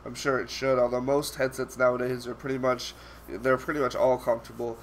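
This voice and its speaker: A man's voice: medium pitch, flat delivery, a little fast, slight background noise. A young man with a stuffy voice from a cold, talking casually over gameplay and rambling with many fillers and restarts. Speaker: gaming YouTuber.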